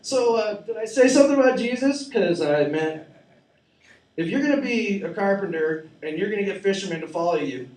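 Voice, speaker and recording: A man's voice: high-pitched, animated, fairly quick, darkish tone. A man in his forties doing an open-mic stand-up set in a small cafe, rambling, profane and mocking himself. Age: 40s. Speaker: stand-up comedian. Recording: echoey room, mic at a distance.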